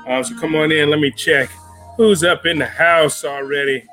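A man's voice: a little high, fairly even intonation, moderate pace. A man hosting a live stream show in a casual, laid-back way, greeting viewers by name and using easy slang. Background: jazz music playing softly.

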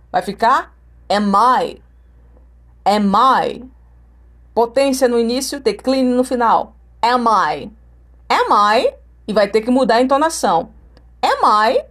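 Woman, Brazilian accent, English teacher, slightly high voice, drills phrases aloud. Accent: Brazilian Portuguese. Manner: repeats example phrases to model intonation. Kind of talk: recorded language lesson.

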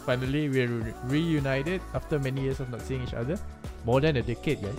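Male host, Malaysian accent, medium pitch, informal interview chat over light music. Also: fairly quick. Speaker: podcast host.

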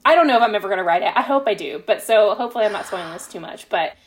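The guest author on this laid-back podcast interview talks in a racing, expressive, mid-range voice. She explains things in a tentative way, reasoning out loud.

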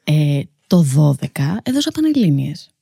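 Lively 30s woman guest on a podcast, jumpy pitch, warm dark tone. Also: vocal fry, breathy edge, no room sound, clean studio sound. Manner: animated, self-deprecating. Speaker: nutritionist guest. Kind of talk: casual chat.

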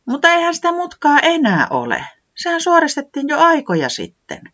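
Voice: high-pitched, huge pitch swings, bright, forceful tone, pitched above the performer's own voice, heavily acted. A reader voicing a small furry storybook creature with paws and floppy ears, who exclaims eagerly and is easily dismayed. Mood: insistent. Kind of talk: storybook reading. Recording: dull lo-fi sound.

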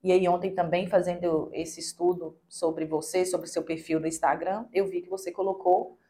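A woman with a somewhat low voice who hosts a casual interview. She draws her guest out with encouraging prompts and quick affirmations. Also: little pitch movement, mellow. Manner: encouraging, frequent short affirmations.

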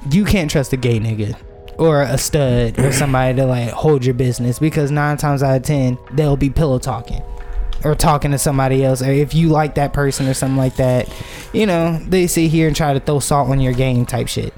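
Talk it blunt and lively as a man co-hosting a podcast, jump up high when excited. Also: a little fast, soft background music. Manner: animated, blunt, laughs and jumps into high exclamations. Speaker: podcast co-host. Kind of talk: casual podcast chat.

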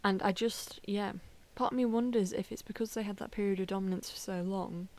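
A woman's voice: medium pitch, fairly even intonation, brisk, darkish tone. A woman co-hosting a chatty podcast, laughing often and trailing off mid-sentence. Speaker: podcast co-host. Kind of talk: casual chat.

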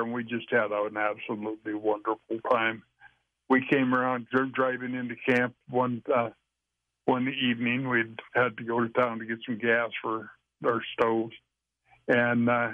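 A man telling a long story as an interview guest, rambling and halting with frequent restarts. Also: medium pitch, dry recording. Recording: dry, tinny phone line.

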